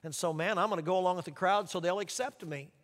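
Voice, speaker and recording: A man's voice: high-pitched, quick pace, a bit bright. Urging male pastor in a reverberant hall. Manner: direct, urging the listeners. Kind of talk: sermon.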